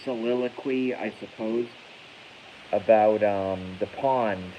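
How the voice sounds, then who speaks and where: A YouTube streamer in his thirties from Massachusetts rants casually on a live stream, rambling, swearing, and often correcting himself. His voice is on the low side and warm, and he takes his time. The recording is dull lo-fi with a faint hiss.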